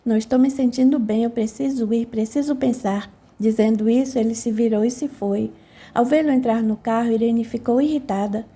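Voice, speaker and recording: A woman reads a novel aloud as an audiobook, her tone very dark and mellow. Her voice sits a little high for a woman. She voices the dialogue without changing her own voice much. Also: fairly even intonation, moderate pace, slightly rough. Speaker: audiobook narrator.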